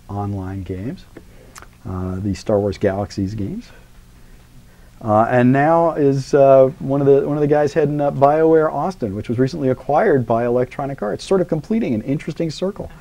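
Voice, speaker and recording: A middle-aged man introduces a guest at a live university lecture, rambling chattily with lots of filler words and self-deprecating asides. His mid-range voice is a little mellow.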